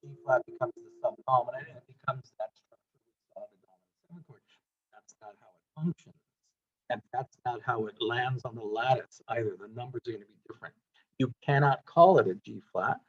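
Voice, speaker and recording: A man's voice: mid-range voice, a little fast, husky. A male music teacher giving a classroom lecture, explaining as he goes with fillers and self-corrections. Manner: explanatory, thinking aloud with fillers and asides. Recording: dull lo-fi sound with loud guitar and instrument music.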